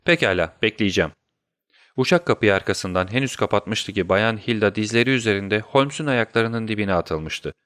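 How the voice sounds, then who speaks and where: A man narrating an audiobook with a steady, measured reading. His voice is fairly low and resonant. The recording is close and completely dry. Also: clean tone, no room sound. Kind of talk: scripted narration.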